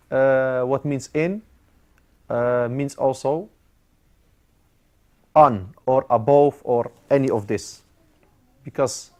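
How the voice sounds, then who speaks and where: A man's voice: mid-range voice, darkish tone. A man teaching an Arabic grammar class, explaining step by step with frequent "uh" fillers and Arabic terms mixed in. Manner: explains step by step, repeating key words.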